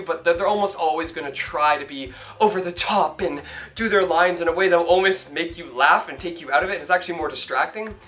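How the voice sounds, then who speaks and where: A man's voice: a little high, bright, forceful tone. A young man from Toronto, an actor, giving chatty hands-on advice in a casual how-to vlog, filmed at home. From Toronto, Canada. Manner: upbeat, chatty, hands-on demonstrating. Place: home room in front of a hung sheet.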